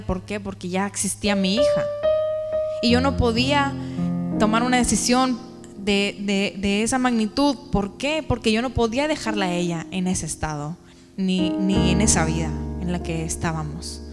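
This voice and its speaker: A woman's voice: mid-range voice, normal speed, in a large hall, loud music behind the voice. A woman giving an earnest, emotional testimony to a church congregation, often asking the listeners questions. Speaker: testimony speaker.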